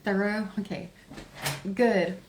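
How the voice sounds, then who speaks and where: A woman's voice: medium pitch, fairly even intonation, slow pace, noisy background. Chatty Texan woman streaming live. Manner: chatty, laughing, talks to chat and herself. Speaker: tarot reader livestream host. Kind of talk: casual livestream chat.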